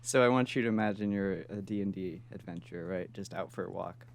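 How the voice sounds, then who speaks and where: A man's voice: deep voice, fast, gravelly, a little hiss or hum. A man co-hosting a podcast in casual chat, rambling and laughing often as he brainstorms. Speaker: podcast co-host.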